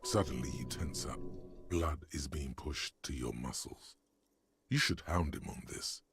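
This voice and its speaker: A brooding video game narrator with a deep, gravelly voice. He speaks in measured, grim second person. Game music runs clearly beneath him.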